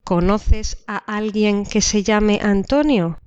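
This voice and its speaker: A woman teaching a language lesson, explaining slowly and repeating each example sentence twice. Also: medium pitch, darkish tone, clear, resonant tone, no room sound. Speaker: Spanish teacher. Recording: dull dry lo-fi recording.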